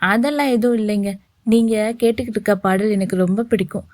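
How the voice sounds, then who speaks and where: A woman's voice: mid-range voice, fast, a little mellow, dry recording, close to an everyday voice. A woman voicing a nervous, polite young man who frets to himself, read as part of a story.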